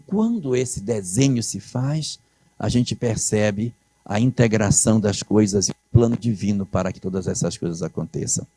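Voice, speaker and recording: A man's voice: lowish voice, mellow, no echo. A man with a Brazilian accent giving a religious lecture, explaining patiently with rhetorical questions and acted quotations. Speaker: lecturer at a spiritist conference.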